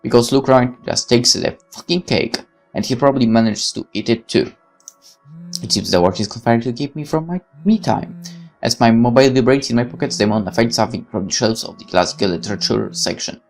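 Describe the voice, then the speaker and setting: Faint music sits under this woman's brisk, rumbling low voice, which has a slightly mellow quality. Reading a visual novel as a let's player, she stops now and then for frank, opinionated commentary, full of exclamations and free swearing.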